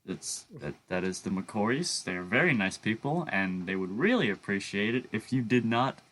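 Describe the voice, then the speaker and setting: A young man co-hosting a casual podcast, joking around with many restarts and halting phrases. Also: on the low side, lively intonation, a bit bright. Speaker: podcast co-host.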